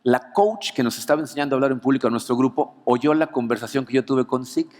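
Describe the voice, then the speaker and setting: A male pastor with a Mexican Spanish accent, preaching an anniversary sermon as an animated storyteller who keeps adding "¿no?" to his lines. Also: mid-range voice, fast. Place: church auditorium. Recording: long reverb of a church hall.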